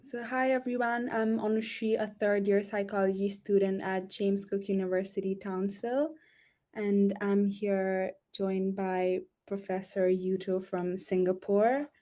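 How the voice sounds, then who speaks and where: A young woman asks her guest questions in a gentle, casual way, starting with an "um" and backing him with quiet "yeah"s. Her tone is warm and mellow at a middle pitch. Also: little pitch movement, measured pace. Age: young adult. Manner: gentle, with "um" openers and short "yeah" backchannels. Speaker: student interviewer.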